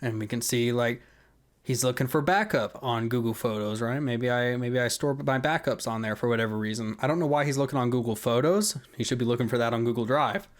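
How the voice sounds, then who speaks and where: A man's voice: medium pitch, brisk. A man giving casual, conversational screen-recording commentary, explaining step by step and often checking in with the listener. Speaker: video creator walking through an account hack.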